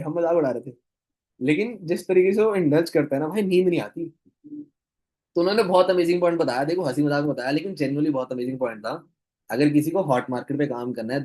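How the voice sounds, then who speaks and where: A man's voice: on the high side, a little mellow. A man giving a casual, enthusiastic talk to camera, recapping a training session for his business team. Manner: chatty, enthusiastic, chuckles while retelling. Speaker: network-marketing trainer.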